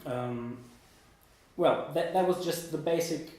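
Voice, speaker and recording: Speaking slowly, this twentysomething student from Germany and Italy presents informally to a small meetup indoors, wandering off track, hesitating and putting himself down. The voice is a little high and dark. Captured from afar by a room microphone, the audio carries echo and background noise.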